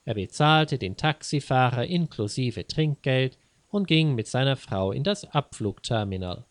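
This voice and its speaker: A man's voice: medium pitch, animated, unhurried, dry recording. Wry man narrating a grammar lesson story. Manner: didactic, wry. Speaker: language teacher.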